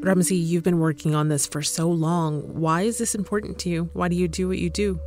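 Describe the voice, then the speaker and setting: A woman reporter giving measured, scripted news narration and asking interview questions. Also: on the low side, steady tone, over music.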